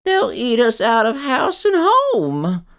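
Man doing a gentle, frail very old woman. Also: extremely high pitch, huge pitch swings, slow, creaky, pitched above the performer's own voice, full character voice. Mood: worried. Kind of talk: storybook read-aloud.

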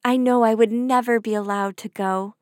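A woman reading a storybook voices Cinderella as a meek, sad young girl, soft and pleading. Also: a little high, steady tone, normal speed, no room sound, studio quality, natural voice.

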